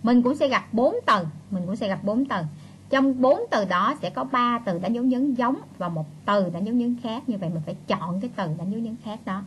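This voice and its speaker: A woman teacher, reviewing for an exam and repeating key phrases, reading English instructions slowly. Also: fairly high pitch, slight background noise, rough recording.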